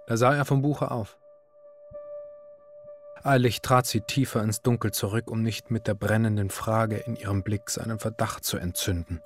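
Ein ernster männlicher Erzähler mit eher tiefer Stimme trägt ein psychologisches Hörspiel vor, intensiv, gemessen und literarisch. Im Hintergrund läuft Musik.

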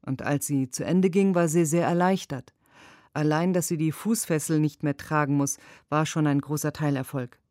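A woman reading a lawyer's translated interview answers in a measured, earnest way. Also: sits low, darkish tone, no room sound, studio quality.

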